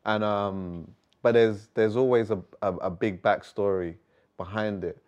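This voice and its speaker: A man's voice: lowish voice, fairly even intonation, measured pace, darkish tone, lo-fi sound. A man with a British accent hosting a casual, slangy interview with artists. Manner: slangy, informal.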